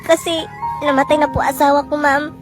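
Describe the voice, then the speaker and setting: A woman's voice: high-pitched, flat delivery, a little fast, natural voice. A woman doing a meek, pleading housemaid. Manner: soft, pleading, deferential. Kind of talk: comedy skit. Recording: music underneath.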